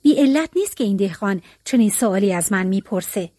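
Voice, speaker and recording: A woman's voice: mid-range voice, lively intonation, mellow, no echo, studio quality, pitched below the performer's own voice, natural voice. A woman reading a storybook tale, voicing a selfish, greedy rich male landlord who schemes and gives orders. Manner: scheming, eager and commanding.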